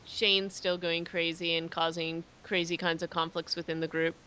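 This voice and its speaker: A woman's voice: lowish voice, flat delivery, normal speed, pushed and bright, a little hiss or hum. A woman co-hosting a podcast, casually recapping episodes and agreeing often. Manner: agreeable, brief backchannels and easy recaps. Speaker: podcast co-host. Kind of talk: casual chat.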